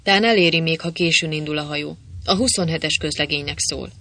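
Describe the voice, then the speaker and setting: A cheeky, grinning man in a tight spot, played by a male audiobook narrator. He stays calm and speaks in an unbothered, teasing way. Nothing ruffles him. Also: on the high side, dry recording. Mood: cool.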